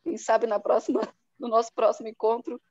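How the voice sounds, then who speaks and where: A woman's voice: fairly high pitch, level tone, brisk, darkish tone, dry recording. A woman teacher talking reflectively about her students in a casual online meeting. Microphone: video call. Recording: dry dull video call audio.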